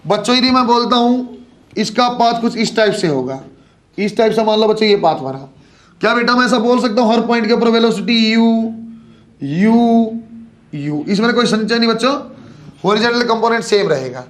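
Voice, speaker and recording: A man's voice: high-pitched, expressive, moderate pace. A man teaching physics to exam students, calling them beta and bachhon and asking and answering his own questions. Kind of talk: classroom lecture.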